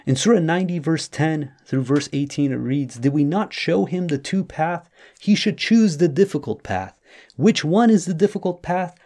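Man, podcast host, measured scripture reading, warm dark timbre. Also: a little high, lively intonation. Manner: measured, reads verses aloud and then explains them. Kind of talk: religious study talk.

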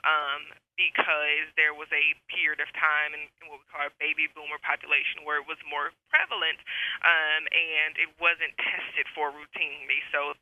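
A woman's voice: low-pitched, level tone, moderate pace, dry recording. A woman speaking over an old, crackly landline phone that fades in and out. She is a medical provider being interviewed and hesitates with many ums and restarts. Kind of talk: call-in interview. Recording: dull, dry phone line.

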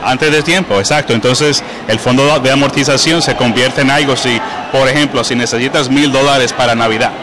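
A man, a guest calmly explaining his ideas in an interview. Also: mid-range voice, a little fast, background noise. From Puerto Rico.

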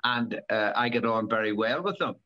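A man in his seventies reminisces in a relaxed interview, his voice bright and forward. He stops, restarts and repeats words often. The recording is dull and lo-fi. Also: fairly low pitch. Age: 70s. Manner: halting, repeats words, many fillers. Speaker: rally driver guest. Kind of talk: casual interview.

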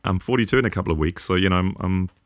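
A man's voice: low voice, racing, dry recording, studio quality. A man in his forties co-hosting a podcast, giving earnest, long, rambling opinions in casual chat. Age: 40s. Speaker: podcast co-host.

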